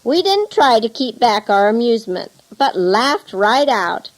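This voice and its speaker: A woman reading a true mission story aloud in calm, measured storytelling narration. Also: on the high side, rough recording. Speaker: audiobook reader.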